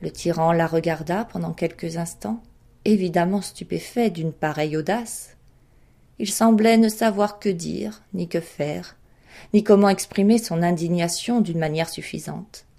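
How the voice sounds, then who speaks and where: A woman narrating a literary short story in a measured, expressive audiobook reading. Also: lowish voice, creaky.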